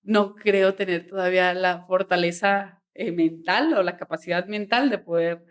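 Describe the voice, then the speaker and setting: A woman guest on a podcast, telling her story in a casual, animated way and acting out bits of dialogue. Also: on the low side, moderate pace. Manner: animated storyteller, quotes dialogue, frequent "o sea", laughs often. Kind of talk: casual interview chat.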